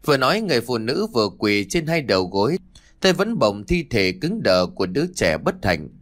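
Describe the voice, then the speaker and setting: Somber male storyteller with lively pitch. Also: brisk. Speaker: audiobook narrator. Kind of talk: scripted storytelling narration.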